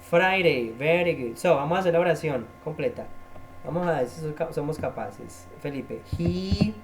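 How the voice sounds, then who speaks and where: A man's voice: a little high, normal speed, background noise. A man, teaching an English tutorial lesson and patiently repeating key words to drill them.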